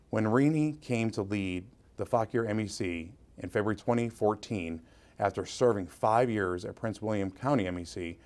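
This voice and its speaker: Low-voiced man reading a tribute. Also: a little mellow. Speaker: award presenter.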